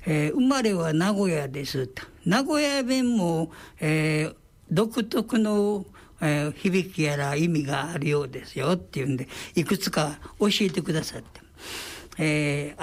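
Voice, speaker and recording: An older man with a Kansai accent hosting a solo radio talk, reading out listener letters in an unhurried, genial, chatty way. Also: on the high side, vocal fry. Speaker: radio host.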